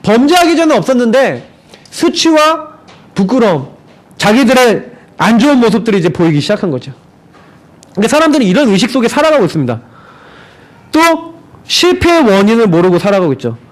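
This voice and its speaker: A male pastor preaching a sermon, asking the congregation rhetorical questions and acting out the quoted lines in shifting voices. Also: sits high. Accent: Seoul Korean.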